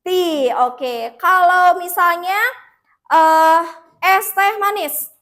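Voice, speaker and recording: A woman teaching an English lesson in a classroom, mixing two languages and leading slow repeat-after-me drills. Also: very high voice, a bit bright.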